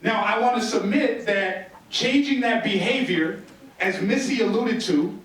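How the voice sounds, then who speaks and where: A man from the U.S. Northern Plains talks on an indoor stage, his quite high, slightly bright voice moving at a somewhat slow pace. He comes across as a relaxed storyteller with wry humour who repeats phrases to drive points home, heard through a distant mic with roomy echo.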